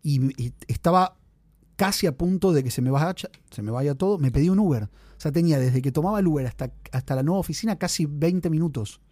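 Guy rambling thru a story, talks super fast, dry close sound. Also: on the high side, expressive, mellow, no echo. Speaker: podcast co-host. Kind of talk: casual chat.

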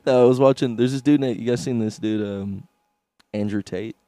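A young man co-hosting a podcast, trading crude jokes and laughing loudly as he talks into a microphone. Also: medium pitch, normal speed, no room sound. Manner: loud laughing, jumps into put-on voices. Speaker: podcast co-host. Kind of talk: crude casual banter.

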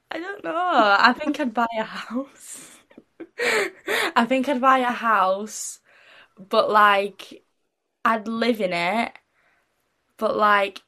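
A British teenage girl, a young singer, is a guest in a casual interview, rambling through answers full of fillers and repeatedly dissolving into giggles. Her voice is medium-pitched, bright and forceful.

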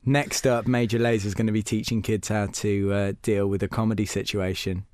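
A man's voice: fairly low pitch, little pitch movement, normal speed, a little mellow, no echo, studio quality. A man co-hosting a podcast, teasing his partner in casual banter. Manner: teasing, says "mate". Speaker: podcast co-host.

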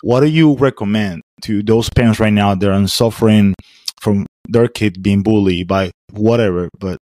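A low-pitched man hosts a podcast in a dry, close room. He talks haltingly and circles back over his words before landing his question. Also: darkish tone, no room sound. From Venezuela. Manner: halting, repeats words while searching for phrasing. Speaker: podcast host. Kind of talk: podcast interview.

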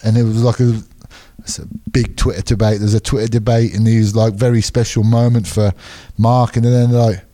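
A man's voice: fairly low pitch, little pitch movement, brisk, few pauses, mellow. A man with an English accent, co-hosting a casual podcast as a referee, rambling through stories with frequent laughs. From England. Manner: rambling storyteller who laughs often and restarts sentences. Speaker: MMA referee and podcast co-host.

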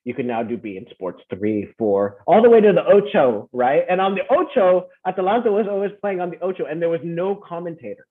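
Talking fairly quickly with hardly any pauses, a high, animated male voice rambles through a casual podcast chat, tagging his points with "right?". He founded a fan club, grew up in the Philippines and the US, and calls in on a tinny phone-like line.

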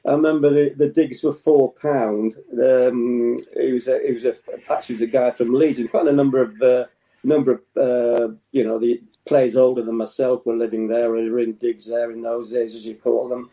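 An older man from England with a very dark, mellow voice recalls his playing days. He talks in a relaxed, halting way, restarting sentences and chuckling often. His pitch sits in the middle. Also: poor audio. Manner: halting, with many fillers and restarts and frequent chuckles. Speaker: former footballer, guest. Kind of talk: relaxed reminiscing interview.

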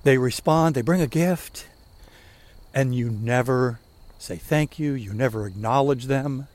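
An unhurried, mid-range, slightly mellow voice belongs to a man in his sixties who hosts a walking podcast. He chats casually outdoors as he walks, drifting a little in his talk.

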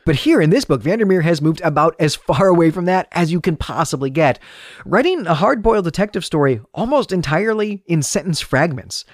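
A man hosts a book review podcast, delivering solo commentary that is partly scripted, articulate, literary and carefully phrased. His voice is on the high side and expressive, moving a little fast, and the clean studio recording has no room sound.

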